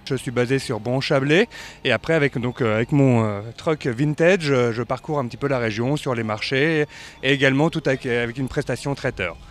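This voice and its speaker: A man's voice: mid-range voice, a little fast. A man, a food truck caterer, describing his work in a hesitant, matter-of-fact way. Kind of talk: interview.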